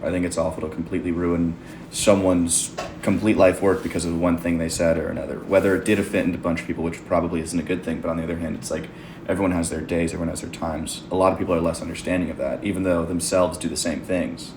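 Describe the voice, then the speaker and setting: A man's voice: sits low, little pitch movement, fast talker. A young American man hosting a podcast, chatting in a rambling, opinionated way. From United States. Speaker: podcast host. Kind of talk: casual conversation. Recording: echoey room, faint noise.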